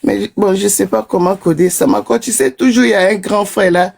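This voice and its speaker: A woman's voice: mid-range voice, fairly even intonation, brisk, creaky, a little mellow. Woman, caller, chatty storytelling, laughing. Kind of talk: call-in confession on a live stream.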